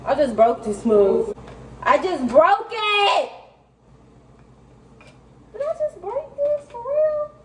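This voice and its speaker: A woman's voice: very high voice, animated, slow, pauses often, background noise. A young woman chatting casually to her viewers while she cleans at home, filmed on a phone. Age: young adult. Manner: chatty, talks to viewers as "y'all". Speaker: vlogger. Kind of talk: casual vlog chat. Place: home kitchen, indoors. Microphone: phone camera held by hand.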